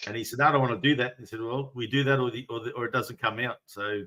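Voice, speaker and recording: A middle-aged man speaks casually at a medium pitch. He is a panellist talking as a fan, and his phrases come out hesitantly with pauses in between. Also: steady tone, pushed and bright, low-quality recording. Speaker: panellist and longtime music fan. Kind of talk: casual chat.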